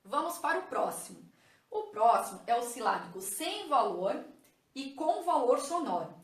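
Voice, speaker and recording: Woman, high voice, patient teacher, echoey room. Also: sing-song, moderate pace. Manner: patient, addresses viewers as "gente", checks with "ok?" and "tá vendo?". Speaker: teacher and educational psychologist. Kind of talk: explanatory video lesson.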